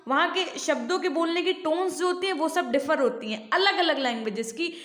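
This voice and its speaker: A woman teacher with an Indian accent giving an online class, mixing Hindi and English, asking her students questions and reading English lines slowly. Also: very high-pitched, a bit bright, echoey room.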